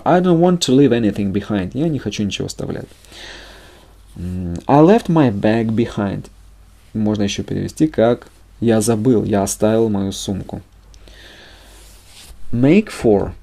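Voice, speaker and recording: Male language teacher, gravelly and mellow, reads examples and translates. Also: fairly low pitch. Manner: reads English examples then translates them into Russian. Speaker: English teacher. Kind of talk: language lesson narration.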